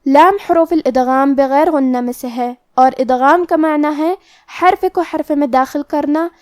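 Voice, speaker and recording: A woman with a high, light voice explains the rules of Quran recitation. She goes through each step slowly and carefully, like a patient teacher. The sound is dry and close, with no room echo. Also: darkish tone. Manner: slow, careful step-by-step instruction.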